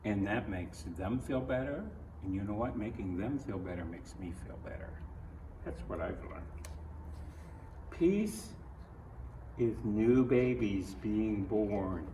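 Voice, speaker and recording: Taking it slowly, a storybook reader with a lowish, expressive male voice works through a children's picture book, pausing for folksy grandfatherly remarks to the young listeners. He is an older man, heard through a distant mic with roomy echo and background noise.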